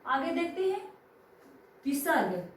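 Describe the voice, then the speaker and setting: A high-voiced woman teaches a grammar lesson, asking children questions and then answering them herself. She sounds a little away from the mic, in a strongly echoing room with faint background hiss. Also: very animated, takes it slowly, far from the mic.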